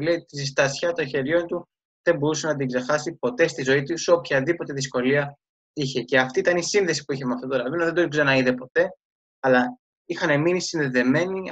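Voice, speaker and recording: A man's voice: on the high side, fairly bright tone. A man telling a religious story in a casual daily talk, with many fillers and restarts. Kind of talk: casual spoken storytelling lesson. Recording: dull lo-fi sound.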